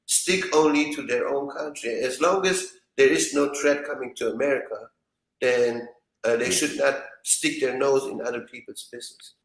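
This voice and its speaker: A man with a mid-pitched voice makes his case step by step in casual talk. He is argumentative and leans on rhetorical questions. The room around him sounds echoey. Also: fairly even intonation, moderate pace. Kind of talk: casual political discussion.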